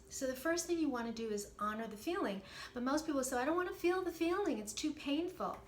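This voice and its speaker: A woman's voice: fairly high pitch, slight background noise. A woman teaching self-help in an earnest, encouraging way and guiding a short meditation. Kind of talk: motivational talk with guided meditation. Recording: roomy echo, faint background ambience.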